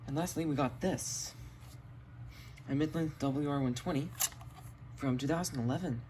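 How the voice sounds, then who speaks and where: A man with a fairly high, somewhat mellow voice speaks at a moderate pace, casually presenting his radio finds. It's a show-and-tell vlog shot on a cell phone in his home basement, matter-of-fact in tone, with audible background noise.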